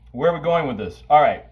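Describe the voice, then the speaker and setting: A man talking playfully to camera in his kitchen, theatrical, swinging from booming outbursts to low asides while he cuts an onion. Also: expressive, moderate pace, lo-fi sound. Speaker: vlogger. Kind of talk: casual talk to camera. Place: home kitchen.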